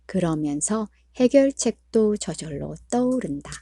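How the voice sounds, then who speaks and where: A woman reading a book aloud in a calm, measured storytelling way. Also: medium pitch, dry recording, clean studio sound. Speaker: book reader. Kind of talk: read-aloud book narration.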